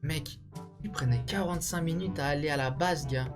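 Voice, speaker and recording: A young man with a fairly high voice hosts a video at a normal pace, with music playing behind him. He banters and ranks things in a slangy, opinionated, emphatic way.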